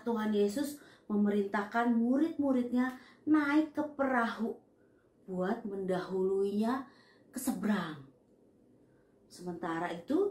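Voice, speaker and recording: A woman's voice: fairly high pitch, a little mellow, echoey room, low-quality recording. A woman, a children's church teacher, telling a story to young children in an exclamatory, coaxing way.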